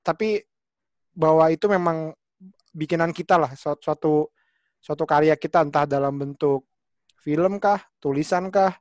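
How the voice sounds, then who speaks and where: Hesitant man, fairly high voice. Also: moderate pace, long pauses, a little mellow, no room sound. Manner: hesitant, many fillers and restarts while thinking aloud. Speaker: stand-up comedian. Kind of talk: casual panel chat.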